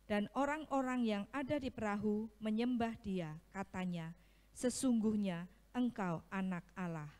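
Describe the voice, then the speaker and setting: A woman reading scripture aloud in a steady, measured way during a church service. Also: medium pitch. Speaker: scripture reader. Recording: long reverb of a church hall.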